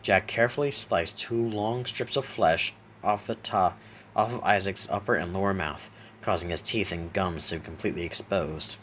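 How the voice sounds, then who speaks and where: A man narrating a horror story in a slow, deliberate reading, now and then clearing his throat. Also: deep voice, a bit bright, slight background noise.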